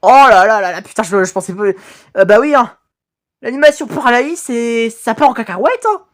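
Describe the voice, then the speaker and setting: A woman talking as an excited anime fan in a casual, sweary reaction commentary, gushing with slangy exclamations. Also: fairly high pitch, moderate pace. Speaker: reaction video host.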